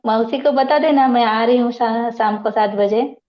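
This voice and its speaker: A woman speaks with a slightly high voice over dull, muffled video call audio. She role-plays a casual family phone call, pausing and restarting hesitantly as she goes. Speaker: training participant.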